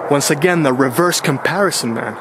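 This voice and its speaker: A slightly high, slightly quick male voice belongs to a vlogger in his thirties who muses casually, chatting in a relaxed way with slang thrown in. There's noise in the background.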